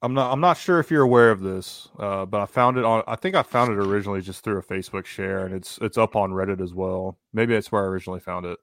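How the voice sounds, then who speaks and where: Male sports panelist, fairly low voice, conversational delivery, dry sound with little room. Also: fast, hardly any pauses, a bit bright, no echo. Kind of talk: casual sports chat.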